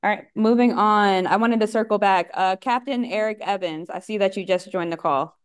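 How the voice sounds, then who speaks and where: A woman chairing a public meeting, brisk and polite as she calls on speakers. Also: mid-range voice, smooth. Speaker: meeting moderator.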